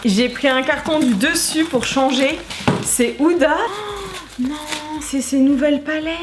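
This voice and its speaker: A woman in her thirties chatting casually and enthusiastically as she unboxes beauty products, gushing over each one. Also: fairly high pitch. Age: 30s. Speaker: beauty vlogger. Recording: echoey room, faint noise.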